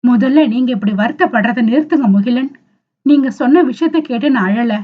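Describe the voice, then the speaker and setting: Soft teary young woman, troubled, high voice, read by a woman, lo-fi. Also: normal speed, close to an everyday voice. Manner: soft, tearful.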